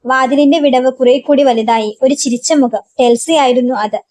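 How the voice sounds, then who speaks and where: A woman narrating a novel aloud in a steady storytelling manner. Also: high-pitched, normal speed, no echo.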